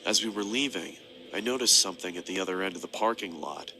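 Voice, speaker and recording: A man narrating an animated horror story in a flat, even storytelling manner. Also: deep voice, fast, low-quality recording.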